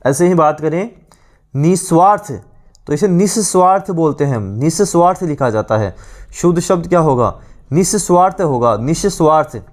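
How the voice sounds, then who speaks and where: A man teaching an exam-prep grammar lesson, repeating each word slowly and quizzing with rhetorical questions. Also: on the high side, lively intonation, a little mellow.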